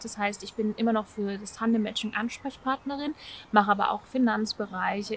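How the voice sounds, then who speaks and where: A woman in her late thirties, a volunteer project organizer, talking to an interviewer outdoors on a park bench in a relaxed, chatty way with plenty of soft fillers. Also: medium pitch, a little hiss or hum. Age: 30s. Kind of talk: interview answers to camera.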